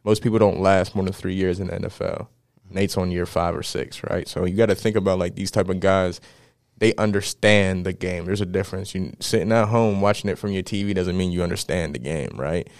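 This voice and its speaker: A young man in his twenties, a football player, answering interview questions in a relaxed, animated way and often tagging "right?". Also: low voice, brisk, dry recording, studio quality. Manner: animated storyteller, many "right?" tags.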